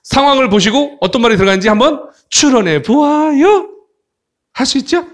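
A man who teaches English to children in a playful, joking way, mixing explanation with slow English phrases. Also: extremely high pitch, animated. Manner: playful, jokey, switches between Korean explanation and slow English. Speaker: English tutor. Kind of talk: animated English lesson for children.

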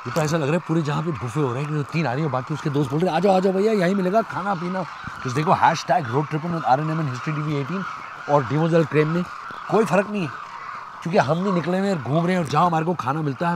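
A man's voice: fairly high pitch, noisy background. A middle-aged man co-hosting a travel show outdoors, teasing and joking, speaking on a lapel mic. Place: outdoors at a desert bird site.

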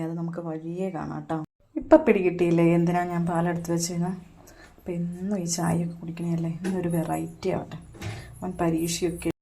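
A woman's voice: lowish voice, dark tone. A woman, chatting in a casual home vlog and coaxing her toddler in a sing-song way. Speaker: mother and home vlogger.

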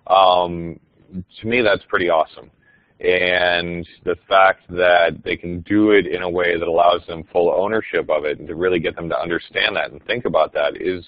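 Deep-voiced man presenting in a webinar. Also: dry recording, dull audio. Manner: casual, enthusiastic, frequent ums. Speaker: teacher presenting on puppets.

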